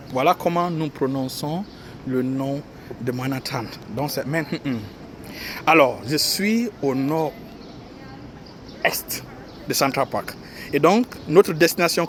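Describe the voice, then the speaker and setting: Man vlogger on a phone, slightly high voice, slow repetitive delivery, street and subway noise behind. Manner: slow, repetitive, halting explanation with many fillers. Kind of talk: casual walking vlog. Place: outdoors on a city street, then down into a subway station. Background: city traffic and subway noise.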